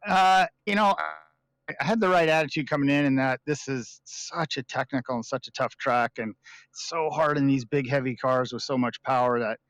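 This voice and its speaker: A male race driver giving a modest, good-humored post-race interview while a bit out of breath. His voice is smooth and resonant at a middle pitch, recorded dry and close. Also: moderate pace, fairly bright tone, dry recording, low-quality recording.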